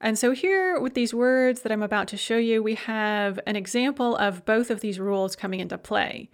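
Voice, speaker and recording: A woman's voice: on the high side, normal speed. A woman teaching a pronunciation lesson, explaining rules step by step and carefully sounding out example words. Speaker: language teacher.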